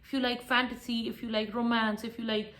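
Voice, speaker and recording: A woman's voice: fairly high pitch, flat delivery, fairly quick, fairly bright tone. A woman giving a spoken English lesson, firm and instructive, repeating her key points. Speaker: English teacher.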